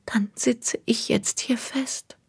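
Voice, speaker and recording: A woman's voice: mid-range voice, moderate pace, a little mellow, voice pushed up, lightly acted. Woman voicing a distraught young woman near tears. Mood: tearful. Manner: pleading, close to tears. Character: young woman, distraught, stranded by a cruel hoax.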